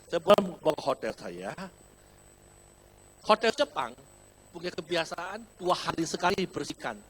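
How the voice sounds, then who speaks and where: A man's voice: on the high side, moderate pace, breathy edge. A middle-aged male pastor from Indonesia telling a personal story in a sermon, calling the congregation brothers and sisters and slipping in English words. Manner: animated storytelling, addresses congregation as saudara, mixes in English words. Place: church hall.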